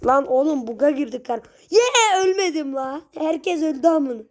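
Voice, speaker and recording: A young woman giving casual gameplay commentary, chatty with her viewers and prone to sudden shrieks and yells at the game. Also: high-pitched, expressive, moderate pace. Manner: chatty, talks straight to viewers. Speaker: gaming channel host.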